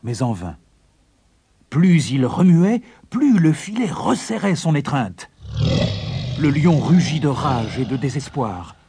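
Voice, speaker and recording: A man narrating a children's fable in an expressive, animated storytelling manner. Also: on the high side, heavy background noise.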